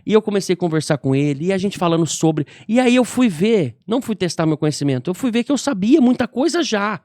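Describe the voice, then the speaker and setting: A Brazilian man co-hosting a church podcast, telling a personal story in lively casual chat and acting out the people in it. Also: sits high, fast talker, dry recording, studio quality. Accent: Brazilian Portuguese. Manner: animated, acts out voices in his stories. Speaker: podcast co-host. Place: podcast studio.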